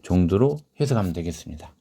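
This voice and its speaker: A man's voice: deep voice, sing-song, fast talker, mellow, husky. Man teaching a literature class. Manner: asks the class questions and answers them himself; reads quoted lines aloud in a raised voice. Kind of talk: classroom lecture on a short story.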